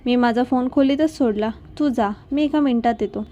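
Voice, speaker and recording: A woman's voice: fairly high pitch, moderate pace, muffled recording, natural voice. A woman reading as a tender young husband. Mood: gentle. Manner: soft, gentle, coaxing. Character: tender young man comforting his wife. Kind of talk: storybook reading.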